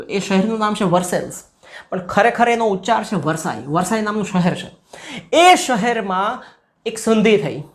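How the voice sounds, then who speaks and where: Lively man teaching history. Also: sits high. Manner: lively, acts out quoted voices and asks students questions. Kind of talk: explaining a school history chapter.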